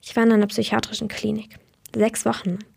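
A woman's voice: mid-range voice, monotone, quick pace, vocal fry, slightly rough, heavily acted. A young woman voicing an anxious, troubled teenage girl in a read-aloud story.

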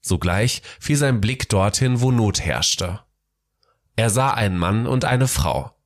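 A man narrating a Christmas storybook tale in a gentle, measured way. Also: lowish voice, expressive.

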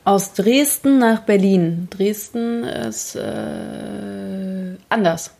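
A young woman with a slightly husky, mid-pitched voice co-hosts a relaxed podcast. She speaks casually and fires back short, dry comebacks. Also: extremely slow. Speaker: podcast co-host. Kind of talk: casual couple podcast chat.

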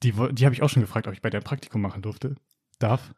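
A young man recounts a personal story in relaxed, slangy talk. His voice is mellow and sits in an ordinary middle register. He acts out the voices of the people in his story and laughs often. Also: medium pitch, racing, husky. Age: young adult. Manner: animated storytelling, acting out quoted lines. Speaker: guest telling a personal story. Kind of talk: casual chat.

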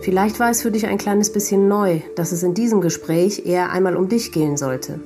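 A woman hosting a podcast, speaking gently and empathetically, in conversation and in a scripted closing. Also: medium pitch, brisk, music in the background. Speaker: podcast host.

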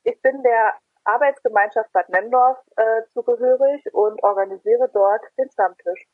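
Young woman in her twenties, hesitant ums, husky voice, dry tinny phone line. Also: on the high side, normal speed, dry recording. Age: 20s. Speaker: interview guest. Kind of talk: podcast interview answers.

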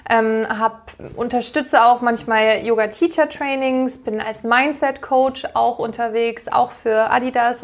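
A woman in her thirties, a yoga teacher giving a podcast interview, talking in a friendly, rambling way with many fillers. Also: fairly high pitch.

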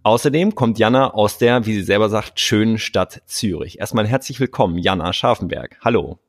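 A man's voice: fairly low pitch, normal speed, no echo, clean studio sound. A man hosting his own podcast, asking long, rambling questions in a friendly way. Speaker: podcast host. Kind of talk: conversational interview.

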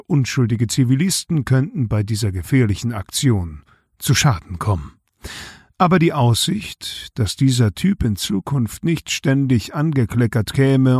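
A man reads a short story aloud at a measured, unhurried pace. His voice is husky and mid-pitched. The sound is dry and close. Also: darkish tone, no room sound. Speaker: podcast co-host.

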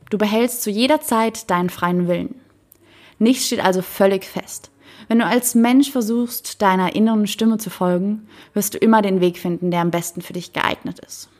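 A woman doing a wise old man, gently explaining. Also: medium pitch, lightly acted. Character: wise old man, calm, kindly teacher.

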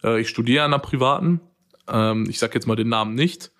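A young man co-hosting a podcast, chatting casually and telling lively stories in which he acts out both sides of each conversation. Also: mid-range voice, a little fast. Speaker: podcast co-host. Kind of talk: casual chat.

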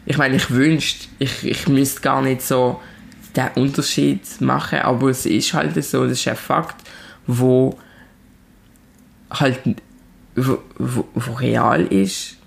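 Young Swiss woman in her twenties; gravelly, outspoken, animated guest. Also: a bass voice, slow. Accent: Swiss German. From Switzerland. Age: 20s. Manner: direct, animated, emphatic. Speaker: musician guest. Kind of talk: casual chat.

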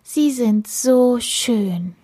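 A woman voicing a cheerful, lonely little male creature in a children's story, gushing and wistful in a raised, breathy voice. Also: medium pitch, a little slow, a little mellow. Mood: smitten.

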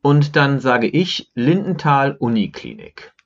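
A man's voice: mid-range voice, sing-song, takes it slowly, vocal fry, lo-fi sound. A man from Germany's Rhineland, a podcaster, reading his own personal essay with wry irony. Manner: wry, ironic storytelling. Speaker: podcaster and blogger. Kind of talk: scripted personal essay narration.

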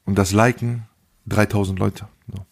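A young man co-hosting a podcast, telling stories in animated casual chat with lots of street slang. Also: on the low side, a little fast, gravelly, slightly rough. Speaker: podcast co-host.

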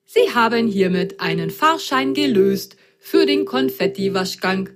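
A woman voicing a cheerful magic washing machine with a tinny, slow and stately voice in a storybook. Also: medium pitch, lively intonation, crowd noise, voice pushed up, lightly acted.

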